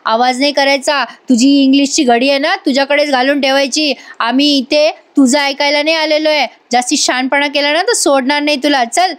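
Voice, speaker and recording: A woman voicing tough female prison inmates who bully a newcomer with rough, taunting talk. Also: sits high, steady tone, a little fast, few pauses, lightly acted.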